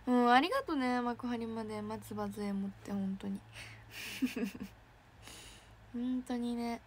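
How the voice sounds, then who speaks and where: A young woman, an idol trainee, chatting casually on a livestream and reacting excitedly to fan messages. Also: a little high, slow pace, slight background noise. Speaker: idol trainee streaming to fans.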